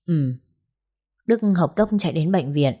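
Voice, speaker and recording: A woman reads a family drama aloud as an audiobook. Her voice sits low and sounds mellow and soft. She keeps a steady, unhurried storytelling pace. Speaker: narrator.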